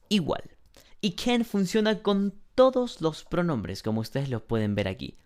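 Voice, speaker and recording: A male teacher gives an English lesson at an unhurried, careful pace. He lays out each rule step by step and pauses to clear his throat now and then. His pitch sits in a middle range for a man. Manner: slow, deliberate explanations, often clears throat. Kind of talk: online class lesson.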